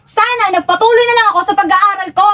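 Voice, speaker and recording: A woman's voice: very high voice, fairly even intonation, fast, pushed and bright. A woman acting as a fed-up young wife and mother who scolds and swears at her husband in a student drama. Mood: reproachful.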